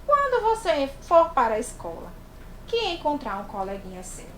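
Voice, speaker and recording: A Brazilian woman teaching young children to read in an online class, talking slowly and in an exaggerated, sing-song way. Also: high-pitched, huge pitch swings, slight background noise. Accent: Brazilian Portuguese. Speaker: primary school teacher. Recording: echoey room.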